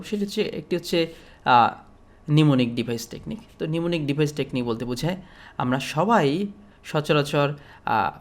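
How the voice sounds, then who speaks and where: A man from Bangladesh giving an explanatory lecture as a teacher, speaking steadily with frequent pauses and fillers. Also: medium pitch.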